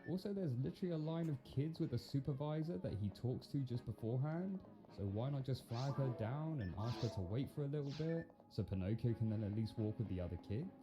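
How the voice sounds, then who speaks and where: A man gives a scripted film review. He sounds sarcastic and incredulous, with lively pitch movement, and music plays clearly behind him. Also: fast, few pauses, rough recording. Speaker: video commentator and film critic.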